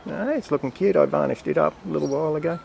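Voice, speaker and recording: Chatty man with a gravelly voice. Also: fairly high pitch, fast, a little mellow, slight background noise, low-quality recording. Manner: chatty, rambling, with frequent ums and uhs. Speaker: home gardener filming his yard. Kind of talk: casual walk-through commentary. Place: outdoors in a home garden.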